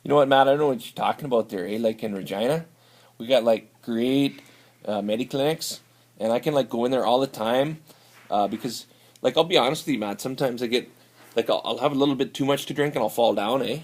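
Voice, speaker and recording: Here a man's natural, medium-pitched, slightly mellow voice portrays a boozy, fight-prone Canadian hoser in an improvised sketch. He speaks with a Canadian accent, rambling, stumbling and adding "eh" to his lines.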